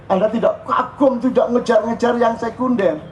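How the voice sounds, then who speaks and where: A man's voice: very high-pitched, moderate pace, highs cut off, a little hiss or hum. A man with a Javanese accent giving an informal, joking religious talk to a crowd at a live forum. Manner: joking, animated, mixing in local dialect. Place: live open forum event.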